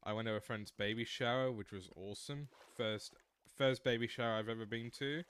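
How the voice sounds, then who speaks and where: This Australian streamer, mid-twenties, chats casually while playing a game, rambling and restarting through lengthy explanations. He talks briskly in a mid-range, clean, slightly bright voice with fairly even intonation.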